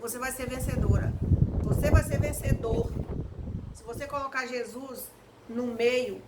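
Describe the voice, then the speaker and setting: Higher-pitched Brazilian woman, earnest devotional talk. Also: animated, unhurried. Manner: earnest, exhorting, emphatic. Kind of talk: informal devotional reflection, preaching to camera. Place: at home, indoors. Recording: noisy home recording with fan hum. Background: electric fan noise.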